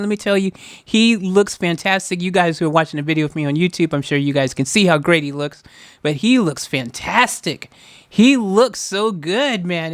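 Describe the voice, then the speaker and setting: An American podcast host giving chatty, excitable live reaction commentary and talking straight to listeners. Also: medium pitch, no room sound.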